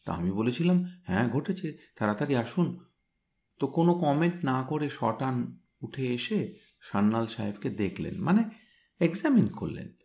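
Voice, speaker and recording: A man reading a story aloud, voicing a smart young woman who briskly recounts a crime scene. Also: medium pitch, big pitch swings, gravelly, a little mellow. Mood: animated, brisk.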